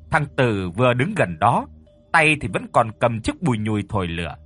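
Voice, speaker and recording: A man narrating a horror story with a lively storytelling delivery. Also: mid-range voice. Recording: dry close mic with faint music.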